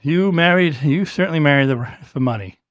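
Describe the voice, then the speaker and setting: A man co-hosting a casual podcast, joking and rambling with restarts, a little hoarse. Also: on the high side, fairly quick, dry recording, lo-fi sound. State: clearing throat, losing his voice. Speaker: podcast co-host. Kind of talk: casual chat.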